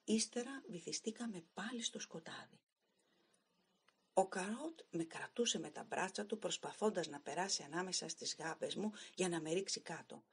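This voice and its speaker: Low, very husky woman reading a story. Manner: calm, measured storytelling. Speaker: audiobook narrator. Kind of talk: scripted narration of a short story.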